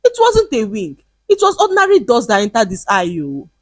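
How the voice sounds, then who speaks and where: A middle-aged market woman, quick and defensive, her words hurried and pitched above normal, as a woman puts her on for a folktale. She sounds slightly husky. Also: wildly swooping pitch, no echo.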